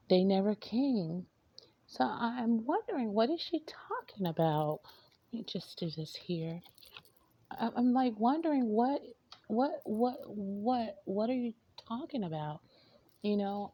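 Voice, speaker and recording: A woman spiritual reader telling a story to camera, hesitant and halting, often repeating words and trailing off. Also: mid-range voice, creaky, no room sound, lo-fi sound.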